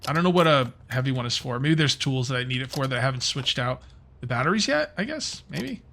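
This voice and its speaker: A very animated gaming YouTuber with a medium-pitched, gravelly, sharp voice talks fast. He rambles casually to his viewers as he plays through a let's-play.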